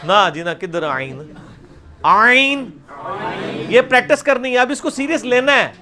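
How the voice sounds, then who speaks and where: Religious teacher, man, fairly high voice, repeats letters loudly and firmly. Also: big pitch swings. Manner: drills letters by repeating them loudly, mixing Punjabi into Urdu. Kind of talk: live Quranic pronunciation class.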